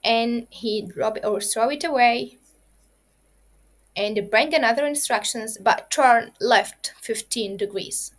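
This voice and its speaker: This is a slow-paced coding lesson for children led by a woman whose native language is Arabic. Her pitch is a touch high; she repeats each step-by-step explanation and leans heavily on fillers.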